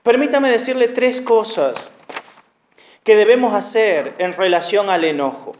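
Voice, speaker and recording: A man's voice: high voice, measured pace, a little hiss or hum. A male pastor preaching an earnest sermon, often calling his listeners brother and sister. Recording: echoey, dull church recording.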